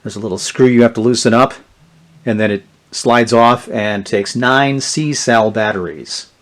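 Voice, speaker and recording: A gadget reviewer gives a casual, unscripted hands-on walkthrough of a product, explaining things plainly. His voice is medium-pitched and a little slow, and background noise and clicks are clearly audible.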